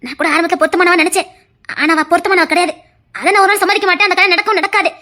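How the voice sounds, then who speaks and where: A woman voicing a commanding middle-aged aunt, head of the family, speaking low and deliberately with a Tirunelveli Tamil accent. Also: fairly even intonation, pushed and bright. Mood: firm.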